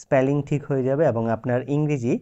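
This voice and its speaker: A man's voice: mid-range voice, steady tone, fast talker, warm tone, smooth, muffled recording. A man teaching English pronunciation in a YouTube lesson, explaining patiently and drawing out his example words.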